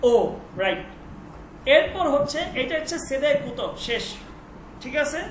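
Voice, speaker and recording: Man teaching pronunciation, repeats everything slow and checks in, high pitch, background noise. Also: a bit bright. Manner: patient, repeats sounds slowly and checks understanding. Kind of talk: online language lesson. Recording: echoey room with clear noise.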